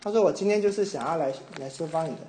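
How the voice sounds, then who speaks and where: A middle-aged man from Taiwan preaching a sermon, telling a personal story with animated mimicry of others. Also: a little high, very fast, a little hiss or hum. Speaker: pastor. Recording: echoey room with faint ambience.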